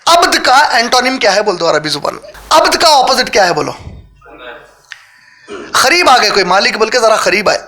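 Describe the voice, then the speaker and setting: A man teaching a live religious class, firing quick questions at his listeners and mixing English words into his talk. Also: extremely high pitch, big pitch swings, bright, forceful tone. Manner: quizzes the audience with quick questions. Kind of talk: interactive Quran lesson lecture. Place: lecture hall with a live audience.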